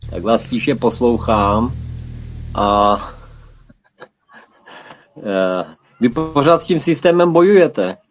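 Calm, lecturing man, lively pitch. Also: long pauses, a little hiss or hum. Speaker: panel guest. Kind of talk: casual panel chat.

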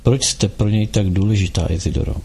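A man voicing a wounded, dying cardinal of about forty who speaks quietly and hoarsely, wheezing between words. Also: on the low side. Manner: quiet, weary.

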